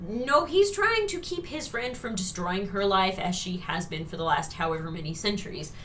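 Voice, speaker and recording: Sarcastic woman co-host, bright voice, mic set a bit far off with a faint rumble. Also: animated, normal speed. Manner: chatty, sarcastic, many fillers. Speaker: co-host reviewing a TV episode. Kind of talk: casual critical chat.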